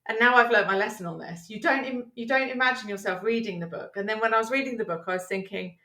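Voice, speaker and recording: A woman guest on a podcast, talking through her work in an animated, chatty way and laughing easily. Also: on the high side, fast talker. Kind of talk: conversational interview. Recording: roomy echo.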